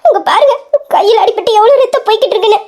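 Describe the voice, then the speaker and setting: A woman's voice: very high voice, very fast, a little mellow. A woman voicing a young wife in an audio drama, pleading with her angry husband and then taunting him. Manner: pleading, defiant. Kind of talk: Tamil audio drama acting.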